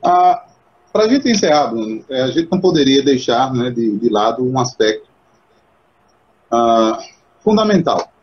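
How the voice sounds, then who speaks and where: A man hosting a casual live chat on Bible literature, animated and acting out the voices he quotes. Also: mid-range voice, unhurried, long pauses, muffled recording. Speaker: host.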